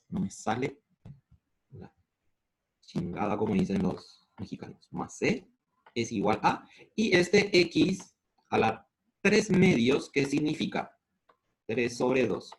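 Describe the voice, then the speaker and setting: A math teacher with a Paraguayan Spanish accent leads a step-by-step lesson on integrals in an expressive, medium-pitched voice touched with vocal fry. He takes it slowly over the formulas, asking the class questions and answering them on his own.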